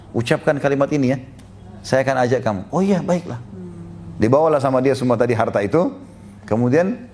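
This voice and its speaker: A man's voice: medium pitch, slight background noise. A male preacher giving a storytelling sermon, acting out the people in his story and chuckling now and then. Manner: lively storyteller who voices quoted speakers, chuckles.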